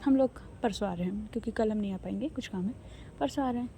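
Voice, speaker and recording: A woman voicing a middle-aged mother who answers calmly and plainly. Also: mid-range voice, fast, a little hiss or hum, lightly acted.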